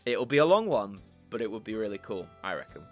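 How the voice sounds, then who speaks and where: Soft background music plays as this young Yorkshireman, host of a YouTube channel, casually fields viewer questions and thinks out loud. His accent blends northern English influences, mostly Yorkshire. He talks fast in a lowish voice and is very animated.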